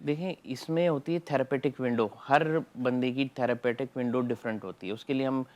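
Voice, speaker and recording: A man with a Pakistani accent speaks as a doctor guest in a television studio. He explains at length in a measured, steady manner and slips English phrases into his talk, at an ordinary middle pitch. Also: dull audio. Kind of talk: explanatory TV interview.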